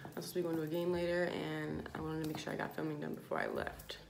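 A woman's voice: low-pitched, very animated, quick pace, gravelly, background noise. Rambling young woman telling a story. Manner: rambling, heavy with "like" fillers. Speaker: vlogger. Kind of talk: casual story-time vlog. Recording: echoey room with background music.

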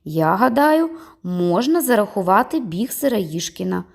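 A woman reading a children's story aloud, voicing the characters in livelier, higher tones. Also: unhurried, vocal fry. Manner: lively, voices characters with raised pitch. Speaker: audiobook reader. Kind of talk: storybook narration with voiced dialogue.

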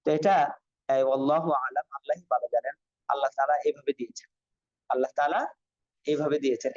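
A man teaching Quran reading in an online class, sounding out syllables slowly and repeating them for learners. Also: fairly high pitch. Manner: slow syllable-by-syllable drilling, repetitive. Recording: dull lo-fi sound.

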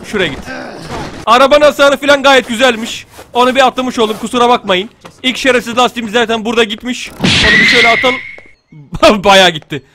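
A young man giving casual, jokey gameplay commentary, excitable and quick to shout. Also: very high-pitched, background noise. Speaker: gaming YouTuber.

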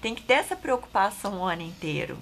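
A woman's voice: mid-range voice, very animated, fast, vocal fry, a bit bright, slight background noise. A woman doctor with a Brazilian accent, guesting on a talk show and speaking hesitantly, with many fillers and restarts. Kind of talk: casual talk-show conversation.

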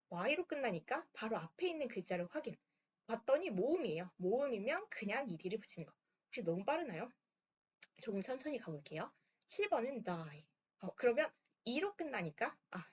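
A woman teacher works through grammar exercises one by one, checking now and then that her students are keeping up. Her voice is a little husky and swings widely in pitch. The recording sounds dull and lo-fi. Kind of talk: lesson walkthrough.

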